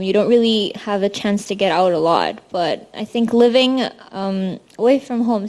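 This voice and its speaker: A woman's voice: mid-range voice, a little mellow. A young woman from India stands before an audience and talks about her university life. Her delivery is loose and friendly, sprinkled with ums and small restarts, like a student presenting to a room. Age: young adult. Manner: casual, frequent ums, friendly. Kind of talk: presentation talk.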